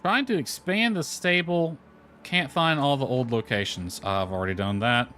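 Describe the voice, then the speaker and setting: A gamer talks over his own playthrough at a moderate pace, his mid-range voice sharp in tone as he reads dialogue and makes offhand comments. There's slight background noise along with lo-fi background music.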